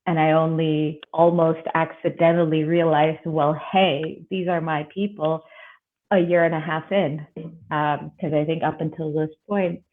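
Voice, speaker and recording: A woman born in Russia and raised in Bangladesh, talking as an interview guest in a relaxed, reflective way with fillers. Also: low-pitched, unhurried. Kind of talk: casual interview conversation. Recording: tinny phone-like line.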